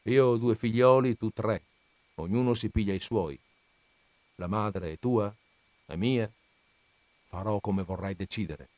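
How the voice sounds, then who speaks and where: A man's voice: on the low side, a little slow, pauses often, darkish tone, no room sound, close to an everyday voice. A man reading as a weary returning sailor. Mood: resigned. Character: weary sailor husband home after years.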